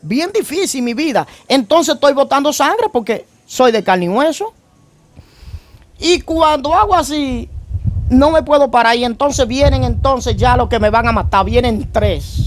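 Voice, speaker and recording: Speaking in a very high-pitched, animated and slightly slow voice, a man gives a church testimony about his past in a gang. He tells it vividly, acting out events and continually breaking in with praise phrases.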